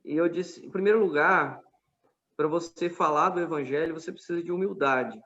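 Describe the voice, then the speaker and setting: A man with a Brazilian Portuguese accent recounts events in a podcast conversation, earnest and quoting dialogue as he goes. His voice sits fairly high for a man. The recording is dull and lo-fi. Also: normal speed, a bit bright. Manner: earnest, retelling a street debate with quoted dialogue. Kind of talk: casual podcast storytelling.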